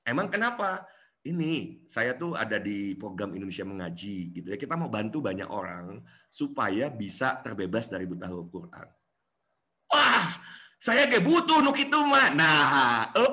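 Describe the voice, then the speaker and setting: A man giving a coaching class, animated and acting out the people he quotes. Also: medium pitch. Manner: animated, acts out quoted voices.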